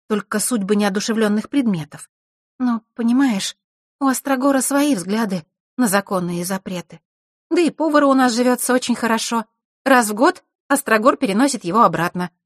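A woman's voice: fairly high pitch, no echo, studio quality, pitched above the performer's own voice. A woman voicing a proud, hot-tempered girl from a family of timekeepers, talking sharply and bossily. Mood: haughty. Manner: sharp, bossy, snorting retorts.

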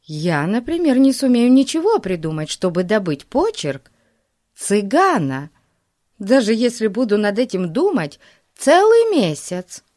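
A woman's voice: mid-range voice, big pitch swings, unhurried, darkish tone, no room sound, clean studio sound, pitched above the performer's own voice. A woman voicing an eager, worried schoolgirl in a storybook, asking doubtful questions.

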